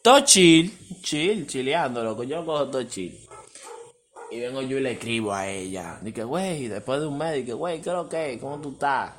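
A man, co-hosting a podcast, telling a story in animated, laughing, slangy casual chat. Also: medium pitch, normal speed. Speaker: podcast co-host.

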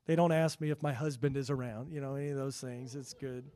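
With a steady tone and a slightly fast delivery, a middle-aged pastor preaches earnestly. His voice, high for a man, swells when quoting scripture and softens for asides.

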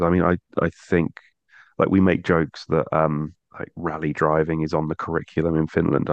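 A man's voice: low voice, no room sound, muffled recording. A man co-hosting a motorsport podcast in casual chat, rambling and restarting his sentences. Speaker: podcast co-host.

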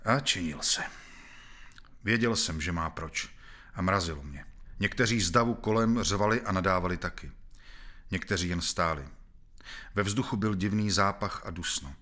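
Male audiobook narrator, deep and forceful, measured and grave. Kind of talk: audiobook reading of a novel.

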